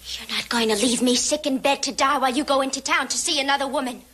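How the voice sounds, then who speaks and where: High, feverish, accusing daughter. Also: female voice, fairly even intonation, fast, fairly bright tone. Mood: bitter accusation. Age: young adult. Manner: tense, accusing, threatening. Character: sick, delusional, bitterly accusing young daughter. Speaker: actor in a TV western. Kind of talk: 1960s television western melodrama.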